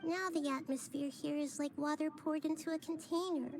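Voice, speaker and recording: Nahida, a gentle girl goddess. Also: sits high, steady tone, normal speed, a little hiss or hum. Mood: thoughtful. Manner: soft, thoughtful, fond of analogies. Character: gentle young girl goddess, wise and curious. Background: loud game music.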